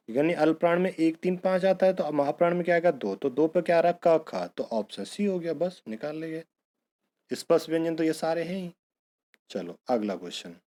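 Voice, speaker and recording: Warm-voiced male grammar teacher quizzing himself. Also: a little high. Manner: asks questions and answers them himself; addresses students fondly as bhaiya and beta. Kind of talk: exam-prep lesson.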